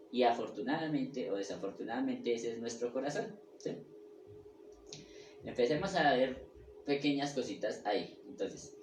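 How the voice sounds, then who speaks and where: A man giving a spiritual lecture, halting and restarting as he goes and checking in often with his listeners. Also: medium pitch, darkish tone. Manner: halting, with restarts and repeated words. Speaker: spiritual teacher. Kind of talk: lecture on the ego and personality. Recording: echoey room, mic far off, faint ambient noise.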